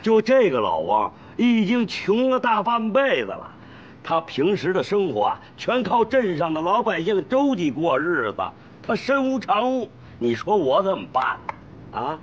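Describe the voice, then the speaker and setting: An actor playing a fawning, excitable local official who grovels to his superior and scolds his men, with faint music under. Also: sits high, unhurried, dull audio, slight background noise. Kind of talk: TV drama acting.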